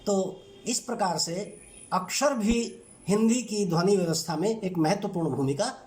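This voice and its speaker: A man teaching a lesson on language sounds, speaking in measured, deliberate short phrases with pauses. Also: high-pitched, darkish tone. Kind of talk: explanatory lecture.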